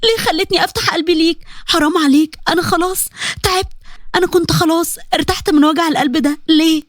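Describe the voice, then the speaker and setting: Casting: a woman playing a heartbroken young woman, Egyptian accent, high teary voice, rapid outbursts, dry sound. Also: dry recording, lightly acted. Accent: Egyptian Arabic. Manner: tearful, pleading, rising to outbursts.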